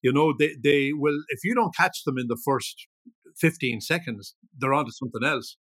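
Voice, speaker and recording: Man, about seventy, north-west Irish accent, casual interview chat, halting, word-repeating, mid-pitched, dry sound. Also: a bit bright, no room sound. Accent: north-west of Ireland. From Ireland, grew up in Ballyshannon, County Donegal. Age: 70s. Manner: halting, rambling, often repeats words. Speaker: guest, veteran musician.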